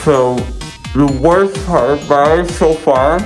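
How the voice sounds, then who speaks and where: A man's voice: fairly high pitch, slow pace, faint music behind. A man groggy from anesthesia, half awake, vlogging casually with muffled, numb-mouthed speech as if his mouth is packed with gauze. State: dizzy and drowsy after surgery. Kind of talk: casual vlog to camera.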